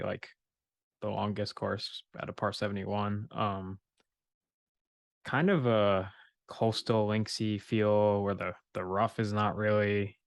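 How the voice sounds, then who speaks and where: A man with a fairly low voice co-hosts a casual sports podcast. He sounds close and dry, with little room around him. He recaps in a plain, laid-back way. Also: no room sound. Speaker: podcast co-host.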